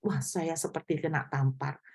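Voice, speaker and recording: A woman's voice: low-pitched, steady tone, normal speed, darkish tone, breathy edge. A middle-aged woman pastor giving a conversational sermon, often asking the congregation questions.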